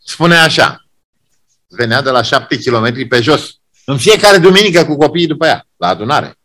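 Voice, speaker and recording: His mid-range voice expressive, a preacher delivers a sermon that shifts between loud outbursts and hushed emphasis. He keeps returning to key phrases.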